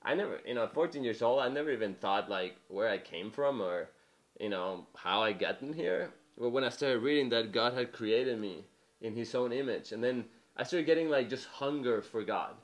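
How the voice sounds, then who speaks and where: A man's voice: medium pitch, animated, normal speed. A young man from Mexico giving an earnest, conversational testimony sermon, full of "you know" fillers. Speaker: preacher.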